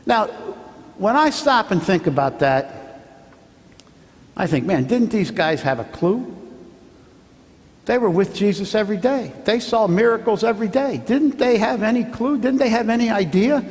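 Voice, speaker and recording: A man, a pastor, preaching a sermon as he tells a story, now and then acting out the shouts of the people in it. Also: high-pitched, animated, normal speed, long reverb tail. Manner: storytelling, acts out the fishermen's shouts. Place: church sanctuary.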